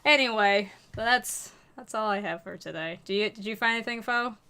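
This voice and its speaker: A woman co-hosting a gaming podcast in casual chat, playful and quick to laugh. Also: mid-range voice, pushed and bright, smooth. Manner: laughs often, playful teasing. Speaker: podcast co-host.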